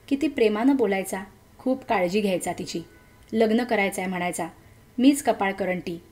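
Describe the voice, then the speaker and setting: A woman reading a story aloud as its narrator, in a gentle, emotive way. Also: mid-range voice.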